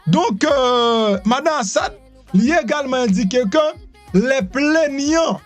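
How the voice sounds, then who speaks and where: A Haitian man with a Haitian accent giving animated immigration news commentary, repeating himself and asking rhetorical questions. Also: extremely high pitch, slow, faint music behind. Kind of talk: news commentary mixing Creole, French and English.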